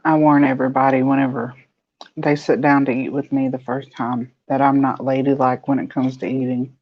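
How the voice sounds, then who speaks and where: A woman with a Southern US accent chats with viewers on her crochet live stream and laughs often. Her voice is husky and a little breathy. It comes through dull, lo-fi live-stream audio. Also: very deep voice, level tone, normal speed. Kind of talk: casual chat reading viewer comments.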